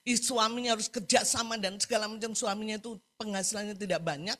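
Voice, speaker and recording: A woman's voice: medium pitch, steady tone, quick pace, a bit bright. A woman preaching a sermon over a video call, emphatic, repeating key phrases and asking the congregation for agreement.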